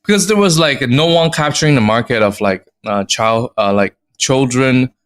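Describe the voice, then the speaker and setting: A man's voice: mid-range voice, normal speed, a bit bright, smooth. A man from China co-hosting a podcast, rambling through memories with lots of fillers and hesitation. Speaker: podcast co-host, teacher. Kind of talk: casual podcast chat.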